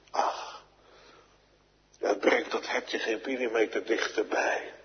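Preaching man in a reverberant church. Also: mid-range voice. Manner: rhetorical questions answered himself, sighing interjections. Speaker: pastor. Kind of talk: sermon. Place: church hall. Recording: dull lo-fi recording with long church reverb.

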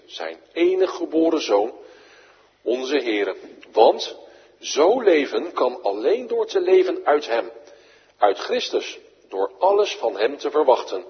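A man's voice: medium pitch, breathy edge. A man preaching a sermon, with dramatic swells and drops in his voice and scripture quotes delivered with rising force. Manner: dramatic rises and falls, quoting scripture with raised voice. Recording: echoey church hall, dull lo-fi radio broadcast.

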